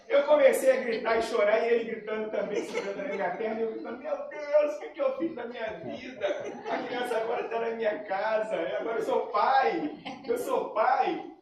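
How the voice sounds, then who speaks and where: A man giving a spiritist talk, telling a personal story and acting out the dialogue of the people in it. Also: high voice. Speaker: spiritist lecturer. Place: lecture hall. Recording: very echoey hall, far from mic.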